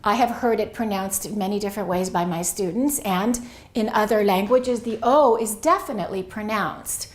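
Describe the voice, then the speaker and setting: A middle-aged woman teaching English pronunciation, speaking clearly and deliberately as she models words for her students to repeat. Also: fairly high pitch.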